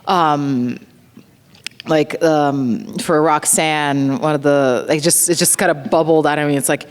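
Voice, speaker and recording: A woman's voice: low voice, steady tone, a little slow, clean tone. A woman from Slovenia, a voice actor chatting animatedly on a convention panel and laughing often. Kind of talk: casual panel Q&A. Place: large convention hall. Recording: long hall reverb from a panel PA.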